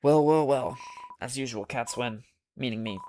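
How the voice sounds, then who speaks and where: Rich: A sly, self-satisfied cat who speaks low and soft, almost purring, savoring each gloating word, as a woman streamer puts it on. The voice sits well below her usual pitch and stays hushed. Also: moderate pace, slight background noise. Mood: smug.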